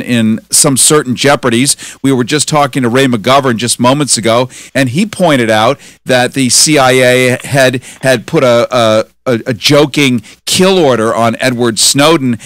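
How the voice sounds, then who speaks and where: A man's voice: mid-range voice, fairly bright tone, no room sound. A man hosting an interview, sarcastic and emphatic in his questions. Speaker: interviewer, host.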